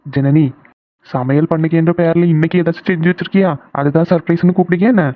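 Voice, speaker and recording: An actor voicing a young husband and emotional son in an animated family cartoon, who teases and then pleads. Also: medium pitch, quick pace, dry recording, close to an everyday voice. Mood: teasing. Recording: dry, phone-like narrow sound.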